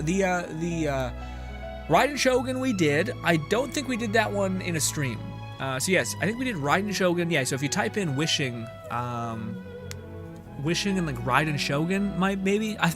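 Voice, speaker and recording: A young male game streamer speaks at a fairly high pitch with a fairly bright tone. Background music runs under his casual live gameplay commentary, which is joking, sweary and full of chat with viewers.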